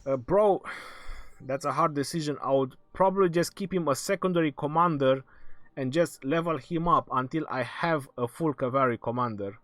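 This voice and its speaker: His somewhat high, a bit bright male voice is hoarse and giving out as he hosts a casual game livestream Q&A at normal speed. He reads chat questions aloud, answers, and laughs frequently. The recording has no echo but faint background music.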